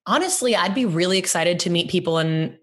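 A young adult woman, a community organizer appearing as an interview guest, speaks earnestly and thoughtfully about her work in a casual chat. Her voice sits on the low side, expressive and a little fast with a breathy edge, and she laughs easily.

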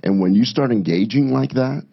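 A man's voice: medium pitch, moderate pace, creaky, husky. A man co-hosting a casual podcast chat, telling stories and acting out quotes with energy. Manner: animated storyteller, acts out quotes. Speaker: podcast co-host. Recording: dull lo-fi sound.

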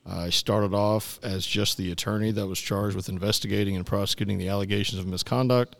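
A man's voice: on the low side, fairly even intonation, fairly quick, gravelly. A middle-aged man, an attorney, giving conversational answers as an interview guest.

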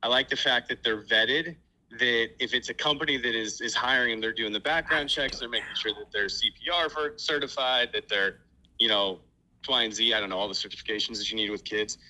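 A man's voice: medium pitch, brisk, pushed and bright, low-quality recording. A man heard over a phone on speakerphone, chatting casually and agreeably as a podcast guest while out on a walk. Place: outdoors on a walk.

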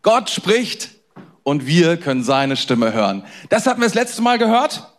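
Male pastor, high voice, casual sermon delivery that swings from loud stress to low, quiet intensity. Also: a little slow. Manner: lively, shifts between loud emphasis and quiet intensity; conversational, addresses listeners directly.

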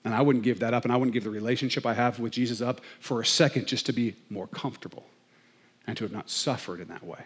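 A man preaching to his church in a plain, mid-pitched voice. He talks in a conversational way, swings from quiet moments to energetic bursts, and drops in jokes. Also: fast talker, husky. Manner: lively, conversational preaching with comic asides. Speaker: pastor. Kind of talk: sermon.

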